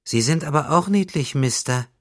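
A man's voice: lively intonation, normal speed, no echo, studio quality, lightly acted. A man doing a cooing, teasing young street girl. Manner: breathy, cooing high falsetto.

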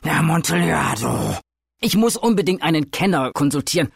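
A man voicing an excitable, tipsy male wine connoisseur who talks loudly and insistently. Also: fairly high pitch, a little slow, no room sound, exaggerated voice. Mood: excited insistent. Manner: loud, exclamatory, insistent.

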